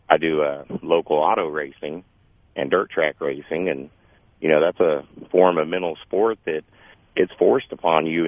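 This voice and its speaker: A low-voiced man phones in to a radio talk show. His voice comes through a thin, tinny phone line with no room sound. He talks informally and restarts his sentences as he thinks aloud. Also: no echo. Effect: heard over a phone line. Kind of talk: casual phone-in chat.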